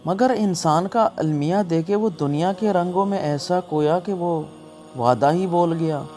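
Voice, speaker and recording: A man's voice: high-pitched, mellow. A man delivering a scripted, emotional sermon in an earnest, pleading way. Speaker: preacher. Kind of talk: scripted religious sermon narration. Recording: music behind the voice.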